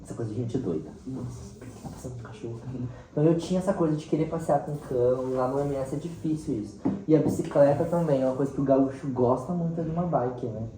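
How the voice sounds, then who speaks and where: This interviewed teacher speaks quickly with a mellow, medium-pitched voice and a central-western Brazilian accent from Mato Grosso do Sul. His storytelling is casual and animated, with little acted-out quotes. A distant mic in a roomy space picks up faint background noise.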